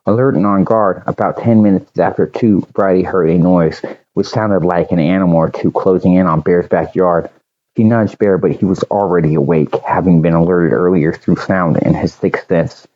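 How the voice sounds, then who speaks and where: A man narrating a storybook audiobook in a measured, slightly halting reading. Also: low voice, fairly even intonation, a little mellow, dull audio.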